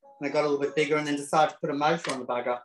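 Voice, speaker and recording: Rapid-fire and fairly even in intonation, a man with a highish voice runs a laid-back live cooking demo in his home kitchen, camp and gabby with cheeky asides. There's a little hiss or hum, and the audio from his self-set camera carries roomy kitchen echo.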